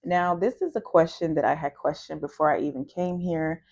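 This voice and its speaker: Low, mellow-voiced woman vlogger. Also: moderate pace, vocal fry. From United States. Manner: chatty, lively storytelling with acted-out quotes. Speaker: travel vlogger. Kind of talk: casual chat to camera.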